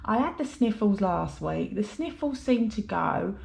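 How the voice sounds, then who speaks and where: Counting cash on camera for her budget vlog, a British woman with a head cold talks in a chatty, rambling, apologetic manner, her nose clearly blocked. The medium-pitched voice is expressive, unhurried and creaky, with a darkish tone.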